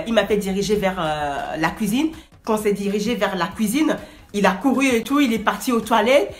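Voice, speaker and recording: A young adult woman telling a story of her travels to camera in an animated, casual way, acting out the dialogue, her voice carrying loudly when she raises it. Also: mid-range voice. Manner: animated, acts out dialogue and bursts into shouting. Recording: roomy echo.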